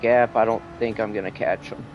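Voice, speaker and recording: A man driving in a race, talking to his team in a flat, matter-of-fact way over casual voice chat. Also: lowish voice, normal speed, dull audio. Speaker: racing driver. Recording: chat audio over loud car noise. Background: race car engine noise.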